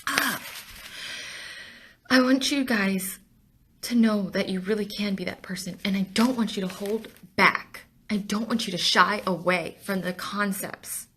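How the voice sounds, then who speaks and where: A woman's voice: mid-range voice, measured pace, a bit bright, husky. A young woman giving an emotional motivational talk to a sales team, firing off rhetorical questions and getting tearful. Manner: passionate, rhetorical questions, laughs and sighs.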